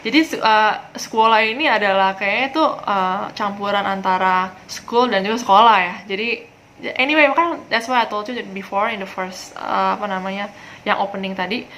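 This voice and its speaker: Young indonesian woman teaching basic italian, chatty, lots of uhs, slows way down on the words, bit of faint noise behind. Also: mid-range voice, fairly bright tone, poor audio. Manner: chatty, many fillers, slow drawn-out example words. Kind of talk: casual video lesson.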